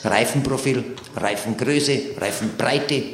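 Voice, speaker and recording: A man's voice: mid-range voice, takes it slowly. A man telling a stand-up story in a cheeky, mock-innocent way. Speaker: comedian. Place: stage before a live audience. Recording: echoey stage, crowd and noise.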